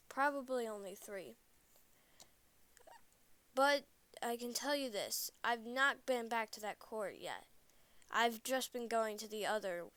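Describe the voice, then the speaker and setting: A woman's voice: fairly high pitch, a bit bright, clear, resonant tone, no echo. A woman narrating a true scary story in first person, plain and a little hesitant, correcting herself as she goes.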